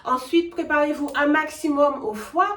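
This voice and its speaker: A woman's voice: high voice, steady tone, moderate pace, fairly bright tone. A young woman from the French Antilles with a Caribbean French accent, co-hosting a talk show and giving casual advice, laughing often and restarting her sentences. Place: living room, on a sofa. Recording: echoey room, mic far off.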